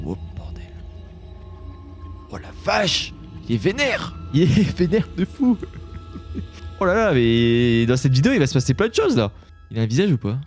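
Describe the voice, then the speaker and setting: A man giving loud, jumpy commentary while playing a horror Minecraft mod, yelping when startled and swearing at the monsters. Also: medium pitch. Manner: talks to the game monsters. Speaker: gaming YouTuber. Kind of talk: live Minecraft let's-play commentary.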